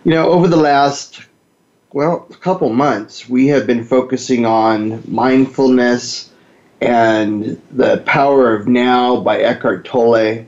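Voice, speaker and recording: A man's voice: mid-range voice, steady tone, takes it slowly, a little mellow. Man hosting talk radio in an echoey space. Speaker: radio talk show host. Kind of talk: conversational monologue on behavioral therapy. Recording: echoey room, dull lo-fi sound.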